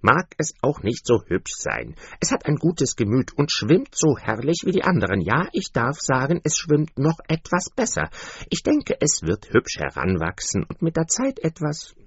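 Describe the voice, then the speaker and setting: A man's voice: a little high, normal speed, husky, no echo, voice pushed up, heavily acted. A man doing a proud, coaxing mother duck. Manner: earnest, coaxing, lively. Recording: dull, lo-fi, dry.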